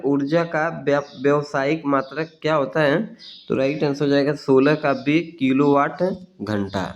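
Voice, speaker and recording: Man, exam tutor, brisk repetitive answer walkthrough, fairly high voice, dull lo-fi sound. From Bihar, India.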